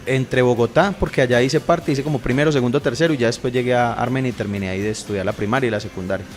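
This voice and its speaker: Colombian man telling his story, relaxed. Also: mid-range voice, racing. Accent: Colombian Spanish. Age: 30s. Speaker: podcast guest. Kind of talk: casual interview chat.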